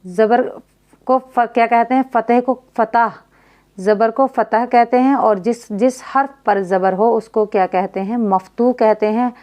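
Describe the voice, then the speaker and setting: A woman's voice: a little high, steady tone, measured pace, a little mellow. A woman teaching beginners to read Urdu, spelling out letters and sounds and asking questions that she answers herself. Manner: patient, asks questions then answers them herself. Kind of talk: beginner Urdu reading lesson.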